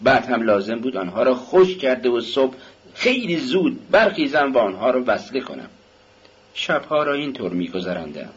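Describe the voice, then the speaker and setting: A man reading an audiobook, voicing a bitter, sharp-tongued poor mother who is ill. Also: medium pitch, big pitch swings, breathy edge, lo-fi sound.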